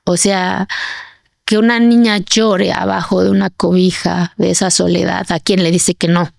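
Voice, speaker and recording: A woman's voice: on the low side, flat delivery, moderate pace, gravelly, darkish tone, no room sound, studio quality. A woman from the mountains of Oaxaca, Mexico, speaking as an activist guest, telling her story with passion and emphasis and often asking "¿sabes?". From Sierra Sur of Oaxaca, Mexico. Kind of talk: emotional interview storytelling.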